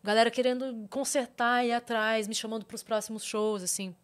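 A middle-aged Brazilian woman with a Brazilian Portuguese accent, a podcast guest telling a story in lively fashion and quoting others in changing voices. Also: fairly high pitch, normal speed. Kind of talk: casual podcast interview.

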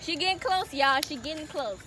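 A young woman chatting casually to her camera outdoors on a hot day, animated and slangy, raising her voice over others. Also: high voice, brisk, a little hiss or hum. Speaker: vlogger. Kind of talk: casual vlog chat. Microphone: handheld camera.

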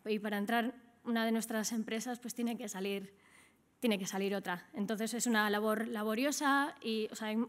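Standing at a lectern on an indoor conference stage, a trade office director delivers a business talk to her audience. She is a middle-aged woman from Spain whose fairly high voice holds a steady tone at a moderate pace. Her style is chatty, with frequent short tag questions to check in.

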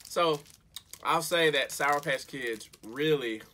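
A man's voice: a little high, takes it slowly, bright, forceful tone, a little hiss or hum. A man in his thirties, a father hosting in casual chat with a child, coaxing and explaining as he repeats instructions. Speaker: father hosting a candy challenge.

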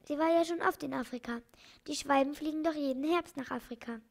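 A woman's voice: high-pitched, brisk, creaky. A woman doing a cheerful storybook crocodile. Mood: reassuring.

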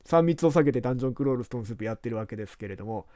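Chatty man with animated game commentary. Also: medium pitch, rapid-fire, no room sound, studio quality. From Japan. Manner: chatty, rambling, rough casual speech. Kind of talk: casual let's-play commentary.

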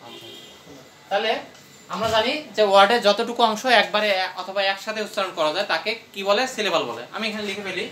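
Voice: medium pitch, bright, forceful tone, echoey room, slight background noise. A teacher explaining a grammar lesson in a classroom while writing on the board, often asking a question and answering it. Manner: explains slowly, asks and answers its own questions. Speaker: English teacher.

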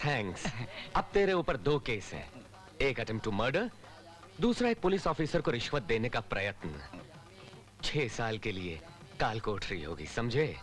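An actor dubbing a cocky young police officer who talks in a wry, theatrical way. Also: male voice, medium pitch, very animated, measured pace, pauses often, a bit bright, faint music behind. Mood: stern. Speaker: hero in a dubbed film. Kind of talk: Hindi film dubbing.

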